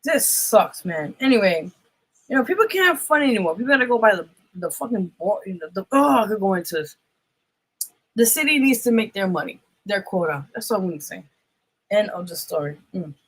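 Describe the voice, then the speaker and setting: A woman hosting a radio show, reading news items haltingly and tossing in profane offhand remarks. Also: mid-range voice, animated, husky, rough recording. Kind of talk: casual news rundown.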